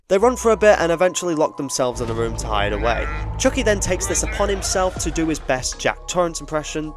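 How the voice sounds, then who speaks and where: Animated, sweary man recapping a film. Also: on the high side. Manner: sweary, exclamatory, jokey. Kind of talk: casual comedic recap narration. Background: music.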